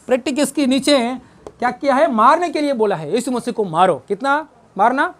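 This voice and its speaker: A pastor preaching a Good Friday sermon, questioning the congregation and repeating phrases for emphasis. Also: male voice, extremely high pitch, lively intonation, a little fast. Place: church service.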